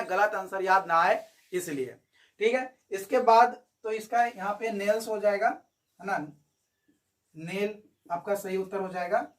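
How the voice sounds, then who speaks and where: A man's voice: high-pitched, a bit bright, distant mic. A male coaching teacher going through exam answers in a chatty video lesson, repeating his key points.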